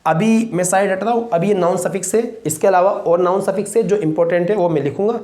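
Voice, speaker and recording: A man's voice: sits high, fast talker, a little mellow. Guy teaching vocab, keeps asking the class stuff back, echoey room. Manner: drills students with repeated questions. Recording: roomy echo.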